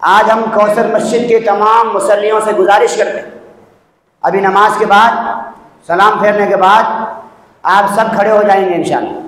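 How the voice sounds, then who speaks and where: Man, preacher, fervent sermon, very high voice, echoing mosque hall. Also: steady tone, moderate pace. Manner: impassioned, exhorting, rising to shouts. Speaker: Islamic preacher.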